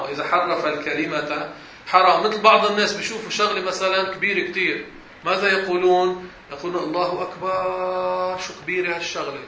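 High, bright-voiced religious teacher. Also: male voice. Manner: corrective, demonstrates pronunciation. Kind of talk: religious lesson. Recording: echoey room with faint noise.

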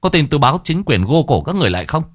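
A man's voice: on the high side, big pitch swings, racing, no room sound, studio quality, pitched above the performer's own voice. A man voicing a wealthy man in his forties who scolds sternly.

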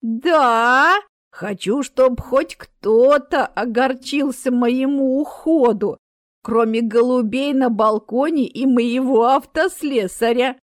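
Feisty old lady, slow and drawn-out, clipped and dry, a woman putting her on, high voice. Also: no echo. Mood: picky. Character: feisty old woman, stubborn and sharp-tongued.

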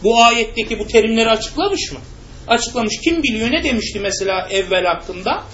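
High-voiced man teaching a religious class. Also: lively intonation, a little fast, a bit bright. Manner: asks rhetorical questions and answers them himself. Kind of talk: classroom lesson with questions to students. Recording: muffled recording with faint background noise.

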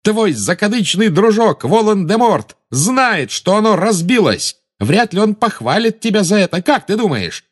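A man voicing a defiant teenage boy wizard who shouts and taunts, in an audiobook reading. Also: high-pitched, very animated, moderate pace, hardly any pauses, husky, voice pushed up, full character voice.

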